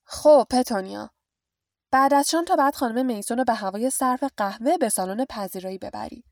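A bossy, blustering middle-aged husband barks orders at his household, as a woman reading the story puts him on. The voice sits rather high and lands dry and close. Commanding, never gentle. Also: creaky, no room sound.

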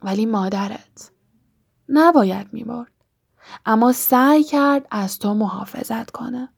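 A woman voicing a cold, menacing serpent-faced dark lord in a hissing whisper, in a storybook reading. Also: on the high side, vocal fry, husky. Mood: mocking.

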